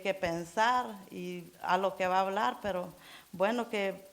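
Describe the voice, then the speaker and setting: A middle-aged woman giving an informal church sermon in an earnest, halting way, restarting phrases and repeating words as she goes. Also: medium pitch. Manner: keeps urging listeners to imagine. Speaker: church member preaching.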